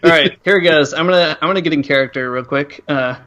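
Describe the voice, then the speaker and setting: A man with a rather high, pushed and bright voice talks fast as a podcast co-host. He chats casually and reads a plot aloud in a jokey, mock-dramatic way.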